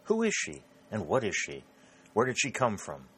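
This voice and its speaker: A man's voice: lowish voice, huge pitch swings, normal speed, fairly bright tone, breathy edge, voice pushed up, heavily acted. A man reading aloud, voicing a coarse and suspicious male politician in a storybook reading. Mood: scornful.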